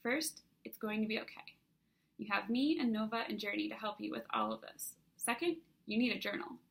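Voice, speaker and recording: A woman voicing a cheerful, bubbly teenage girl with telepathic powers in an audiobook reading, speaking brightly and eagerly. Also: mid-range voice, a little fast, gravelly.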